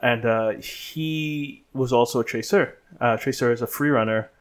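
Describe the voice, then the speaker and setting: A man in his thirties who grew up in the Bahamas, chatting as an interview guest. His voice sits in an ordinary middle register, and he rambles easily, often restarting sentences and filling pauses. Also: mid-range voice, smooth. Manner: relaxed, rambling, many restarts and fillers. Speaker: guest, stunt performer. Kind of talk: casual interview storytelling.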